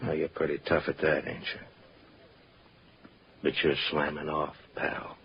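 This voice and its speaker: An actor with an American accent playing a sneering, taunting killer gangster in 1940s radio noir style. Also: male voice, extremely low pitch, level tone, a little slow, creaky, heavily acted. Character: menacing, taunting male killer gangster with a gun. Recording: muffled, noisy old radio recording.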